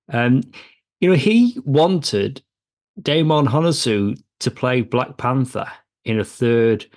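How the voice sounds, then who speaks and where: A man co-hosting a comics film podcast, talking casually and a little haltingly about a movie. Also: mid-range voice. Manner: chatty, with filler and restarts. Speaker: podcast co-host.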